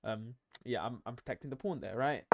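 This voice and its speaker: A man's voice: medium pitch, brisk, gravelly, a little hiss or hum. A tired young man commenting on his own chess game, thinking aloud with many ums and self-corrections. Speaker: chess streamer.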